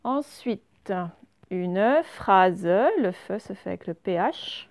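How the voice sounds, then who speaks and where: Une enseignante qui fait une leçon d'orthographe pour enfants, lente et patiente, qui répète chaque mot deux fois. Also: female voice, mid-range voice, expressive, a little mellow, dry recording. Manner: slow, patient, repeats each word twice. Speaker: teacher. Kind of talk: spelling lesson read to children.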